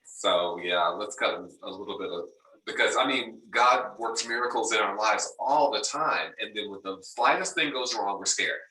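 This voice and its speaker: Guy joking around in a church class, low bright voice, echoey and far from mic. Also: normal speed. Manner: hesitant, joking, many restarts. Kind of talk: casual group discussion. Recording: roomy room, distant mic.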